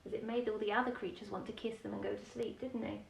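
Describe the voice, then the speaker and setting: This woman talks fast in a mid-range, gravelly voice, her delivery flat, as she reads a children's bedtime story from a picture book with expressive reading, chatty explanations and questions for kids. There's slight background noise, a roomy echo and a distant microphone.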